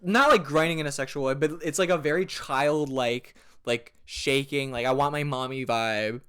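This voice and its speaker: A man's voice: medium pitch, normal speed, a bit bright, smooth. A young man in his twenties co-hosting a podcast, earnest and reflective, with the odd mocking aside. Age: 20s. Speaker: podcast co-host. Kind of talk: casual chat.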